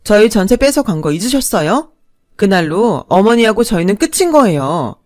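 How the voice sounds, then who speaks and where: A woman's voice: medium pitch, sing-song, moderate pace, no echo, studio quality, natural voice. A woman voicing a resolute young wife speaking firmly and coldly. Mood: defiant. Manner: firm, cold. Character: resolute young wife standing up to her mother-in-law.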